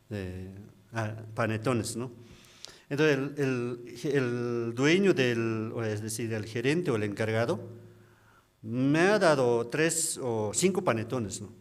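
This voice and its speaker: A deacon shares a personal testimony at a prayer service. He talks in a loose, conversational way, checking in with his listeners by tagging his sentences with a questioning "no?". His voice sits in an ordinary middle register for a man but shoots up when he acts out what other people said. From Bolivia. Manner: conversational storytelling, frequent tag questions, pitch jumps when quoting others.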